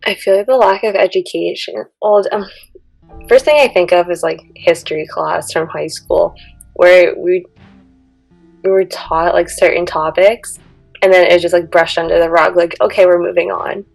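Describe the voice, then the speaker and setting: A woman's voice: lowish voice, steady tone, moderate pace, vocal fry, dry recording, low-quality recording. A graduate student in her twenties chatting casually, with many "like"s. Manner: chatty, with lots of "like". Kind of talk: casual interview answer. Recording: dry close sound with soft guitar.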